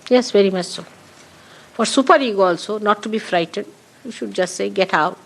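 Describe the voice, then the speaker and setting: A woman's voice: mid-range voice, brisk, gravelly. A woman teaching a gathering in a spoken talk with questions and answers. She stresses her points and repeats key phrases, speaking straight to her listeners. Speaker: spiritual teacher. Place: meeting hall with an audience.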